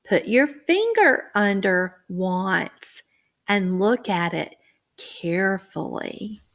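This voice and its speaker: A woman reading teacher explaining guided reading, slipping into a bright, exaggerated voice when she models talk with young children. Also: medium pitch, animated. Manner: careful, deliberate phrasing. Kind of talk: teacher training demonstration.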